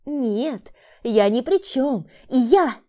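Woman putting on a shrill, panicked schemer. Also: lively intonation, normal speed, warm tone. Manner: shrill, pleading, high-strung. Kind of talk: audiobook character voice.

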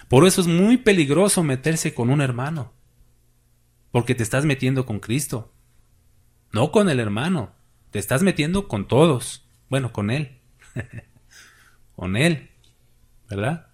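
A man's voice: mid-range voice, slightly rough. A man preaching a sermon as pastor, with emphatic rises and drops, asking the congregation questions.

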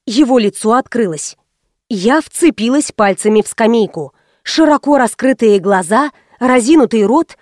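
A woman narrating an audiobook in the first person, wry and expressive. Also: a little high, moderate pace, no echo, clean studio sound.

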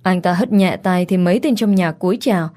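A woman reading a first-person story in steady, unhurried narration. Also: lowish voice.

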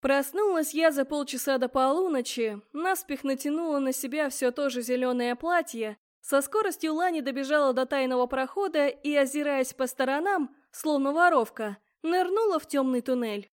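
A woman reading a first-person fantasy audiobook aloud, expressive and voicing the characters as she goes. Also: high-pitched, normal speed, few pauses. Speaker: audiobook narrator.

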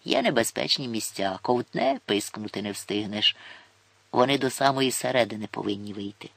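A man voicing a gruff, mocking older forester who looks down on city folk. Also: lowish voice, very animated, normal speed, a bit bright, dry recording, full character voice. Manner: grumbling, scornful, folksy.

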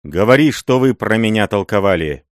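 A man's voice: low-pitched, normal speed, no room sound, studio quality, lightly acted. A man voicing a stern, jealous, hot-tempered prince who barks commands in an audiobook. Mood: angry. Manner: commanding, harsh.

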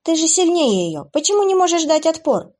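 A woman voicing a young heroine who pleads and shouts in anger and despair for an audiobook. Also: mid-range voice, animated, a little fast, close to an everyday voice. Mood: furious.

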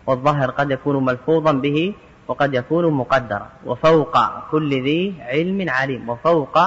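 A man teaching Arabic grammar, reading examples aloud and parsing each word in a steady, methodical way. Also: mid-range voice. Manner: methodical, quotes verse examples then parses each word. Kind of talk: explaining a grammar text line by line. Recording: dull lo-fi audio with long hall reverb.

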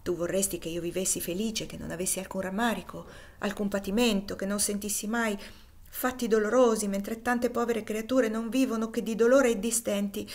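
A woman voicing a frail, gentle, fevered young girl in an audiobook reading, soft and earnest. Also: mid-range voice, steady tone, fairly quick, close to an everyday voice.

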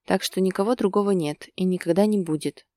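A woman voicing a calm, teasing man who soothes his partner in a gentle, soothing way. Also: medium pitch, brisk, no echo, studio quality, lightly acted.

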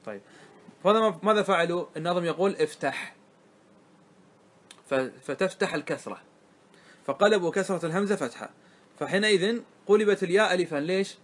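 A man teaching a classroom grammar lesson, often asking his students questions to check they follow, and drawing out words slowly to spell out their forms. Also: high voice, a bit bright. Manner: checks understanding with frequent questions.

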